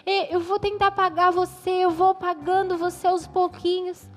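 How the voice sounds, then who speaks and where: A woman's voice: extremely high pitch, level tone, moderate pace, pitched above the performer's own voice. Woman doing a begging servant man. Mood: pleading. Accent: Brazilian Portuguese. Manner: begging, repeated pleas. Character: pleading male servant in debt. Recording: reverberant room, faint music.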